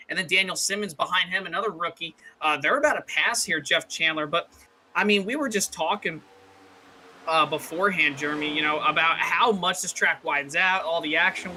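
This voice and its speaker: A man doing live play-by-play commentary on a simulated stock car race, excitable and rambling, with a self-deprecating streak. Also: high-pitched, slight background noise.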